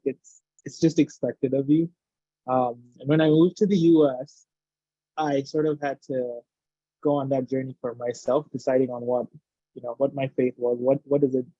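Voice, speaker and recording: A man from Uganda, a guest in a casual interview, telling his story in a reflective, relaxed way over muffled call audio. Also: mid-range voice, no echo. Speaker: guest, former volunteer.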